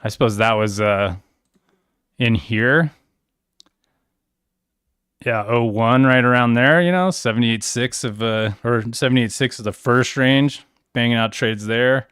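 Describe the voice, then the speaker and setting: A man hosts a crypto trading livestream, casually walking viewers through charts on screen share while rambling and correcting himself. His medium-pitched, fairly bright voice is a little slow and pauses often. The recording is clean and echo-free, of studio quality.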